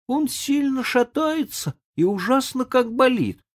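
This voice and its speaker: Squeaky high little boy, whiny and overdramatic, voice jumping all over. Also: expressive, measured pace. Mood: pleading. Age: child.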